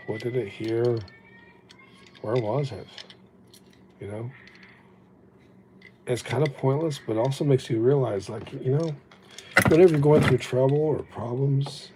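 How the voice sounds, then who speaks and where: Warm and medium-pitched, this man's voice carries a little hiss or hum from the old phone he's recording on. A native Japanese speaker, he hosts a livestream where he chats casually, reflects, wanders off topic, and gently mocks himself.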